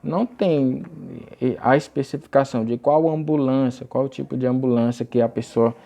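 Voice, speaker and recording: A young man teaching English grammar in a recorded video lesson, explaining patiently and reading example phrases aloud slowly. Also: medium pitch, fairly even intonation, creaky, dark tone.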